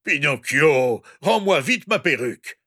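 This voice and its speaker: Man doing a woodcarver father in a storybook, scolding then plaintive, slow, dry booth sound. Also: fairly high pitch, big pitch swings, pushed and bright, slightly rough, no room sound, full character voice. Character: male woodcarver father, stern yet tender.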